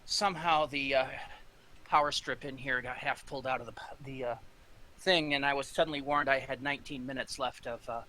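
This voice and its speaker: A man's voice: medium pitch, steady tone, brisk, pushed and bright, a little hiss or hum. A man chatting with his gaming group on voice chat, explaining things with hesitant fillers. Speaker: gamer in a group. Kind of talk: casual voice chat while gaming.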